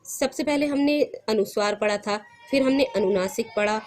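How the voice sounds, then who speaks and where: A young woman teacher gives a recorded lesson for children. Her voice sits a little high, and she speaks patiently, repeating each point and asking the class questions as she goes. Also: moderate pace, a little mellow, faint music behind. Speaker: school teacher.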